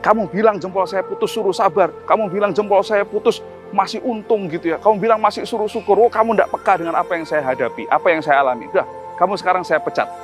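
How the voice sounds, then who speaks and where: A man's voice: a little high, a little fast, faint music behind, natural voice. A man voicing a hot-tempered king in a told story, speaking in a raised, indignant, pleading tone. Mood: angry.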